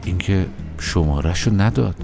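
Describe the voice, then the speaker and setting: A man voicing a lanky young male conscript, just out of school, who speaks quietly and dryly. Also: deep voice, lively intonation, vocal fry, over music.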